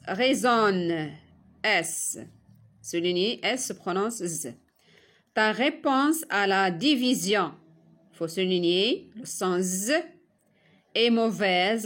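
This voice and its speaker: A woman from Morocco giving a slow, careful spelling lesson to young pupils, spelling out each sound one at a time. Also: medium pitch, a bit bright. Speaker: teacher. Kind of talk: primary-school spelling lesson.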